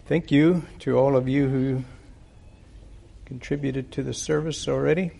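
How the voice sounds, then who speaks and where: A man preaching and praying at a church service, speaking into a pulpit microphone in an unhurried, deliberate way with frequent pauses. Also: mid-range voice, steady tone, vocal fry, mellow. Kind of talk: sermon with prayer.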